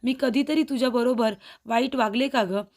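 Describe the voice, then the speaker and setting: A woman's voice: fairly high pitch, moderate pace, darkish tone, no room sound, natural voice. A woman voicing a scheming mother-in-law who pleads sweetly and plays innocent. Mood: pleading. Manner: pleading, sugary.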